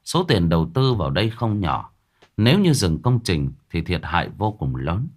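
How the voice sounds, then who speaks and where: A man narrating a ghost story in a dramatic, expressive way. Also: low voice, normal speed.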